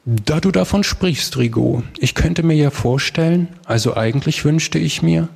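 A man's voice: fairly high pitch, normal speed, vocal fry, a little mellow, husky, voice pushed up. A man voicing a hesitant, skeptical male patron in a story read aloud. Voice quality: hesitant, probing.

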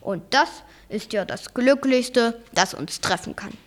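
A young reader voicing a calm, stern old professor uncle in a storybook reading, speaking slowly and evenly. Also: female voice, on the high side. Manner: slow, calm and measured. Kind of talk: read-aloud storybook voice.

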